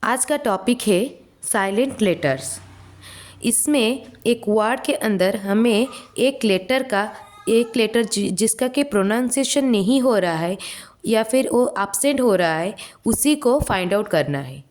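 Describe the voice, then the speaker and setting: A woman's voice: on the high side, expressive, unhurried, darkish tone. A woman teacher, giving an exam-prep English lesson and sounding out each letter one by one.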